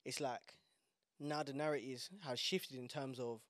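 Man, London roadman accent, slangy podcast banter, sharp bright tone, dry close sound. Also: medium pitch, a little slow, no room sound. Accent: London, urban street. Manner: slangy, animated, emphatic. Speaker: podcast host.

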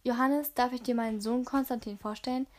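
A woman's voice: fairly high pitch, fairly even intonation, fairly quick, close to an everyday voice. Woman reading a composed, controlled mother.

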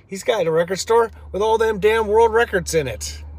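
A man imitating a brash older East Coast man in his sixties who loves telling tall tales, speaking in a loud, gruff, folksy way. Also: high-pitched, moderate pace, a little hiss or hum, voice pushed up. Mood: insistent. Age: 60s.

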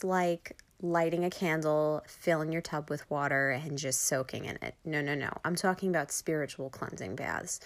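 Chatty Long Island woman podcaster. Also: on the low side. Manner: chatty, lots of fillers like "um" and "like". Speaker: podcast host. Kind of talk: casual podcast monologue.

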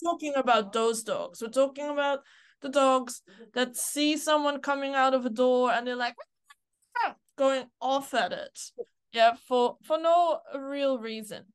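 Woman co-host, dog trainer, smooth clear voice, slightly high, emphatic. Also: a little slow. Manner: emphatic, agreeing, quotes owners and dogs aloud. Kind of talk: casual chat.

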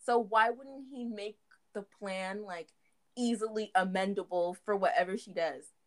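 A woman's voice: mid-range voice, measured pace. A young adult woman in a casual, playful chat about a movie. She laughs often.

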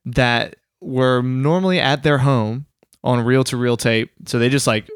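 A young man co-hosting a podcast, explaining music in a relaxed, rambling way. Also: mid-range voice, measured pace, clear, resonant tone, dry recording, studio quality. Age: young adult. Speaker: podcast co-host. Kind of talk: casual chat.

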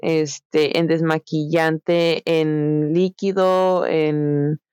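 A woman's voice: sits low, little pitch movement, extremely slow, a little mellow, clear, resonant tone, no echo, studio quality. A young woman with a Mexican Spanish accent, telling a personal story in a candid, slangy way with many fillers. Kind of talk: casual storytelling chat.

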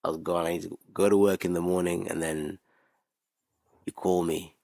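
A man's voice: sits low, little pitch movement, moderate pace, gravelly, a little mellow, dry recording, clean studio sound. A man, bantering cockily in street slang and swearing as a podcast host. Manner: cocky, swearing.

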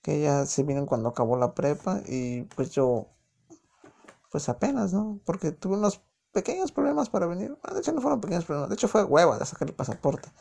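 A man's voice: a little high, big pitch swings, fairly quick, creaky, darkish tone, husky. A young man from Mexico City with a chilango accent, casually telling a personal story in a chatty, joking way full of slang fillers. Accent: Mexico City Spanish. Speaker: podcast host.

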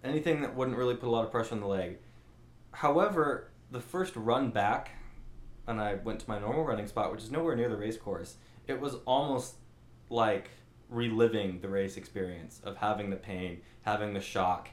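A man's voice: fairly low pitch, normal speed. A young man hosting his own channel, telling a long story in a rambling, self-mocking way and acting out what people said. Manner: rambling, animated, self-mocking, acts out quotes. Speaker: channel host. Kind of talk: casual storytelling monologue. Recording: roomy echo.

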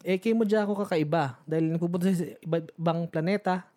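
A man's voice: sits high, fairly even intonation, fast, a little mellow. A young man co-hosting a podcast, chatting casually and laughing often as he reminisces. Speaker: podcast co-host. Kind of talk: casual chat.

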